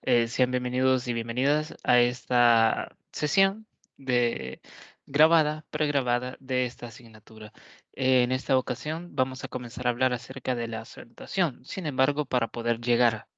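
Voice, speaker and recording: This pre-recorded lecture features a teacher with a medium-pitched, slightly bright voice and fairly even intonation, measured and explanatory, frequently asking "¿verdad?" to check on students. A laptop or webcam mic with the camera switched off captures it in dry, dull lo-fi sound.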